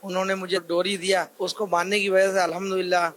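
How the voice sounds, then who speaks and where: High-voiced man giving a simple account. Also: little pitch movement, quick pace, a bit bright. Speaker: interviewed attendee.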